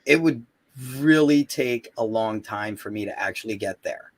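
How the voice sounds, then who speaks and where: A man talking as a guest in a casual interview, halting and searching for his words. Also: lowish voice.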